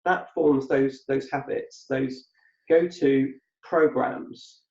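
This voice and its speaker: In a muffled, echoey room, a podcast co-host, an adult man with a past business, explains thoughtfully and repeats words as he thinks aloud in a reflective, conversational way. His medium-pitched voice is steady and darkish in tone, and he takes it slowly.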